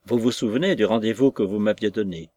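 A man reading aloud and voicing an earnest, flustered young gentleman close to his own voice. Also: fairly low pitch, fast, dry recording, lightly acted. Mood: urgent.

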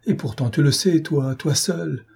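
A man's voice: a little high, unhurried, creaky, darkish tone, husky, pitched above the performer's own voice, full character voice. A man voicing a grief-stricken middle-aged father, speaking in anguish. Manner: anguished, pleading.

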